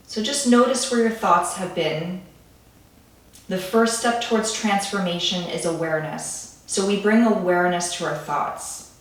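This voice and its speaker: Echoey, calm woman guiding a grounding meditation. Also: fairly low pitch. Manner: gentle, soothing, unhurried phrasing with pauses. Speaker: meditation guide. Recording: echoey room, distant from the mic.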